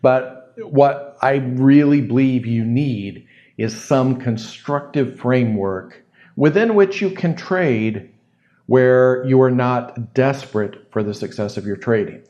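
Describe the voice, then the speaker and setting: A man's voice: medium pitch, slow, darkish tone, highs cut off. A man hosting a solo podcast, answering a listener's question in a thoughtful, reflective way and often repeating words as he thinks. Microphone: studio microphone close to the mouth.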